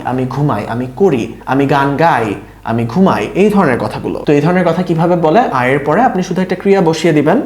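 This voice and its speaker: Man, teacher, lively rising and falling pitch, roomy echo, patient step-by-step explaining. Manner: explains step by step, asks questions and answers them. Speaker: English teacher. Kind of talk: spoken language lesson.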